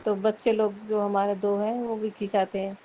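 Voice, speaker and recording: Woman in devotional talk, flat, mellow. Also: mid-range voice, normal speed, a little hiss or hum, low-quality recording. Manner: rambling, homely, repeatedly addresses the guru. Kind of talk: personal devotional talk addressed to a guru.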